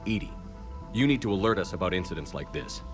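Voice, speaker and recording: A man playing a steady military starship commander in a video game, direct and measured. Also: sits low, over music. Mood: firm, questioning.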